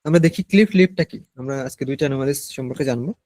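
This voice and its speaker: A Bangladeshi Bengali-accented man teaching a nursing class, explaining slowly and mixing in English medical terms. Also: mid-range voice, darkish tone, dry recording. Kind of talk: online class lecture.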